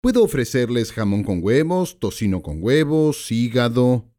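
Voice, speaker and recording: A man's voice: medium pitch, big pitch swings, unhurried, dark tone. A man voicing a patient, polite young male counterman at a diner who explains and lists the food in an audiobook. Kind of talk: audiobook character voice.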